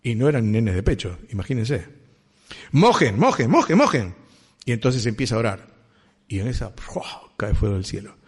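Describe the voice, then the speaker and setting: Husky Rioplatense preacher. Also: male voice, fairly low pitch, fairly quick, mellow. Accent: Rioplatense Spanish. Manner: conversational, asks the congregation questions. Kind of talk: sermon.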